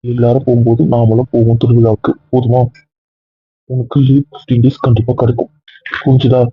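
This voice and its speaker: A man playing a headstrong young husband in an amateur audio drama, insistent and protective, with a husky voice. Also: mid-range voice, brisk, dry recording, faint music behind, natural voice. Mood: firm. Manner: insistent, keeps ending points with a flat final word. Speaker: husband character. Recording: tinny phone-like dry recording.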